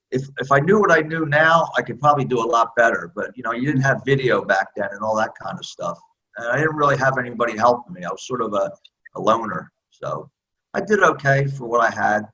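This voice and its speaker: A man in his sixties with an American accent, a former speedway rider, tells candid, self-deprecating stories in a casual interview. His voice is mid-range with a sharp tone, and the highs are cut off.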